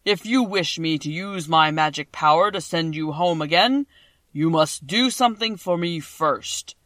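A woman voicing a giant disembodied wizard head, loud, slow and commanding. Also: deep voice, dry recording, studio quality.

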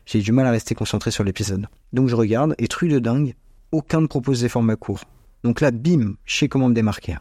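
Male podcast host, around 20. Soft-edged, relaxed tone, informal and chatty, close dry home recording. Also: medium pitch, fairly quick, dry recording. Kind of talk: scripted casual monologue. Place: small bedroom at parents' home, dry sound. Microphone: small home microphone.

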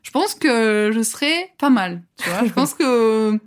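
Slightly high and expressive, this woman in her twenties speaks at a measured pace as a podcast guest. Her casual chatter is full of fillers and regular bursts of laughter.

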